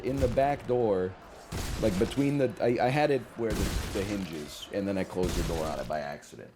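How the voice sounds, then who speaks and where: A man's voice: mid-range voice, darkish tone, a little hiss or hum. A man in his thirties chatting casually on a live stream, telling rambling, self-mocking stories to his viewers.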